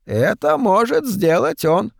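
A man voicing a frail, sinister old man who talks slowly in a peevish, grumbling way. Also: sits high, sing-song, gravelly, no echo, studio quality, pitched above the performer's own voice, full character voice.

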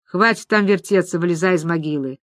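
A woman voicing a tough, commanding old woman who talks in gruff threats, reading a story aloud. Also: fairly low pitch, brisk, no echo, clean studio sound, natural voice. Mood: stern.

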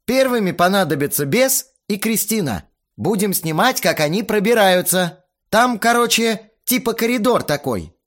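A man's voice: high-pitched, expressive, moderate pace, fairly bright tone, pitched above the performer's own voice. Man doing a casual young director dude, raised voice, impatient, bouncy delivery. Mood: offhand. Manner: offhand, dismissive.

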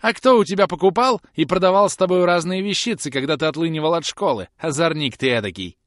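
A man reading an audiobook, voicing a spiteful old woman with a shrill, jeering, scolding manner. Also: big pitch swings, a little fast, fairly bright tone, no echo. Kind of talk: audiobook character voice.

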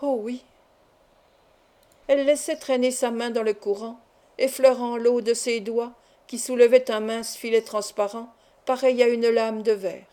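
Mellow-voiced woman reading a story. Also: a little high, steady tone, normal speed. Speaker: audiobook reader. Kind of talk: scripted narration of a classic short story.

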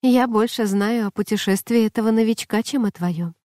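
A wistful young male sprite of the stage speaks quietly and musingly, as a woman reads him in her own dark, mellow voice. The storybook recording is dry and close, with no room sound. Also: fairly high pitch, moderate pace, dry recording, close to an everyday voice.

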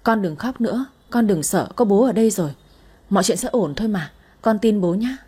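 A woman's voice: mid-range voice, lively intonation, fairly quick, warm tone, slightly rough. Woman doing a desperate pleading father. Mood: soothing. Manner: pleading, soothing. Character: desperate middle-aged father pleading calmly.

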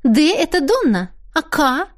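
Whining young woman, voiced by a woman reader, high-pitched, pleading, storybook reading. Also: very animated, moderate pace. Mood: petulant. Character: whiny pleading young woman, spoiled cousin.

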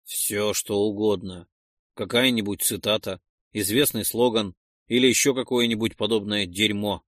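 A man's voice: medium pitch, moderate pace, a bit bright, no room sound, studio quality, natural voice. A man voicing a coarse former farmer who swears and barks at the others. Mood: grumbling. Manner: gruff, swearing, barking. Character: coarse male ex-farmer, foul-mouthed and surly. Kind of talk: audiobook character voice.

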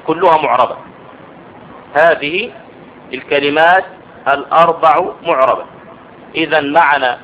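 A man teaching grammar in a classroom lesson, explaining step by step and often checking that his students follow. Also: on the high side. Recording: dull lo-fi audio with faint noise.

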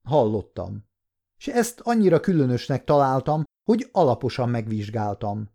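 A man's voice: mid-range voice, sing-song, mellow. A man voicing an earnest male police doctor giving testimony in court in an audiobook story.

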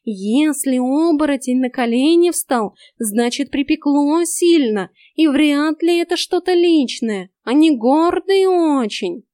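A woman doing a cheeky talking tomcat from a storybook, pitched well above her own voice and drawn out slowly. He sounds smug and teasing, and leans in loud on his points. The recording is close and completely dry. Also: lively intonation, no room sound. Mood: earnest. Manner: slow, smug, teasing delivery. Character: cheeky sly talking male house cat.

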